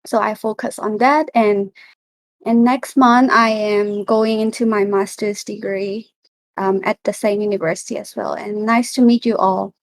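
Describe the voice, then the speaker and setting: A woman's voice: medium pitch, little pitch movement, measured pace, no echo. A young woman from Myanmar introducing herself on a panel, earnest and a little hesitant. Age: young adult.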